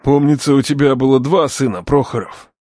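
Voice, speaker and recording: A man voicing a calm, menacing middle-aged father who interrogates slowly and coldly, in an audiobook story. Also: mid-range voice, no echo, studio quality, lightly acted. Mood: commanding threat. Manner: cold, slow, commanding.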